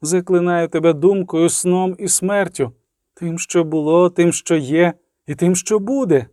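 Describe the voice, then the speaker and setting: A man's voice: high-pitched, unhurried, warm tone, no room sound, pitched above the performer's own voice. A young sorceress cries out incantations with desperate force, as a man reads her lines. Her voice sits well above his own and carries a commanding edge. The sound is dry and close.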